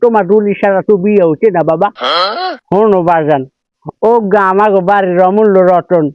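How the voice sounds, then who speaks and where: A man playing a fussy, high-voiced old village grandfather. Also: a little fast, clean tone, dry recording, lightly acted. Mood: scolding. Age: older. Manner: scolding, fussing, baby talk to grandson. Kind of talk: comedic village drama acting. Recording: dull lo-fi audio, faint music.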